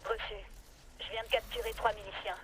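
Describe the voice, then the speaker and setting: A soldier reporting by radio. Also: male voice, high-pitched, flat delivery, brisk, a crowd in the background, rough recording. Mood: dutiful. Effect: in-game radio transmission. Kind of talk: video game voice acting.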